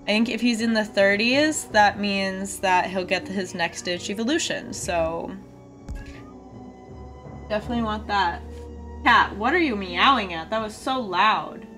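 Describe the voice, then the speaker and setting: A woman's voice: medium pitch, unhurried, a bit bright. A woman streaming a video game, chatting casually and reacting aloud to viewers while getting over a cold. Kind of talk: live game stream chat, reading dialogue aloud. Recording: game music behind the voice. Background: game music.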